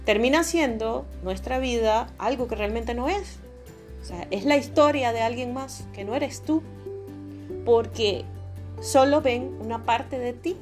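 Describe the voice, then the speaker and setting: A woman hosting a podcast, giving a casual reflective monologue in an expressive, emphatic way. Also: on the high side. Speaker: podcast host. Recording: music behind the voice.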